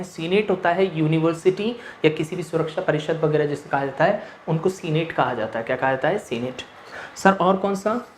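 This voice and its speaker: A male English grammar teacher lecturing in a mix of Hindi and English, posing rhetorical questions and answering them himself. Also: a little high. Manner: switches between Hindi and English mid-sentence. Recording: echoey room with faint noise.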